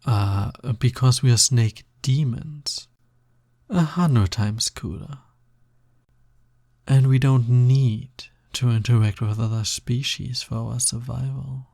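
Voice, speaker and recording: Playing a smug naga demon who is starved for touch, a man speaks slowly in a soft, breathy, mid-range voice that turns slightly gravelly at its edges. He teases and coaxes the listener with a mellow drawl in this intimate audio roleplay, recorded at studio quality without echo.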